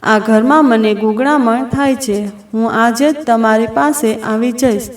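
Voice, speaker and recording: A woman's voice: fairly high pitch, fairly even intonation, a little slow, far from the mic, lightly acted. A woman voicing a resentful young married daughter who complains bitterly, in a roomy recording. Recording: roomy echo.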